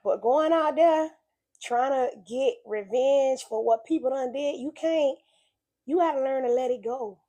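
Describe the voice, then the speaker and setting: Her voice is high, dark in tone and unhurried, with a slight rasp from being ill. This woman delivers an earnest faith message in a casual reflection, preachy and conversational, repeating points for emphasis.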